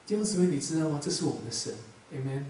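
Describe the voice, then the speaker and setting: Guy preaching, quick, voice a bit high, big echoey church hall, mic far off. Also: expressive, a little hiss or hum. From Taiwan. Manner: emotional, swings between loud emphasis and soft murmurs. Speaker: pastor. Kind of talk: sermon with personal testimony.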